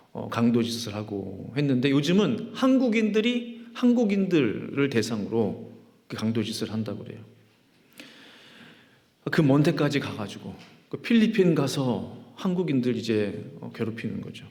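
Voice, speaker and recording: Korean pastor preaching in a reverberant church. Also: male voice, mid-range voice, a little mellow. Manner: leads congregation in call-and-response, then reads scripture and prays; conversational preaching with frequent "어" fillers. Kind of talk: sermon. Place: church sanctuary. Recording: long hall reverb in church.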